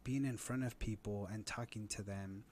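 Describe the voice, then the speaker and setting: A man's voice: on the low side, fairly even intonation, normal speed, darkish tone, a little hiss or hum. A man in his thirties explaining parenting ideas in an earnest conversational way, often tagging points with "right?". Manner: earnest, uses "right?" as a tag. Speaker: guest expert on parenting.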